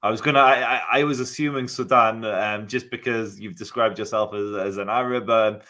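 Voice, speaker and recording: A man hosting a casual debate, relaxed and friendly as he reads out viewer questions. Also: on the low side, moderate pace. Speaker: debate host.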